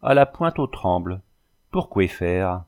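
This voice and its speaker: A man's voice: low voice, big pitch swings, slow pace, full character voice. A man voicing a boastful young male suitor in a storybook, flowery and self-satisfied.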